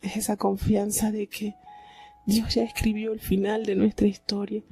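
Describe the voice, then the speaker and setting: A woman's voice: medium pitch, little pitch movement, moderate pace, mellow, husky, faint music behind. A woman from Venezuela, giving heartfelt devotional Bible commentary and often asking her listeners "¿verdad?".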